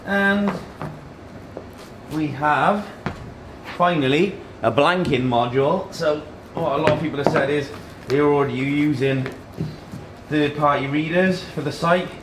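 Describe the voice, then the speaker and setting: With a slightly high voice and a measured pace, a man in his thirties unboxes tech products casually, talking in short phrases as he handles the boxes. The setting is an indoor office meeting room, and the recording has echo, background noise and handling clatter.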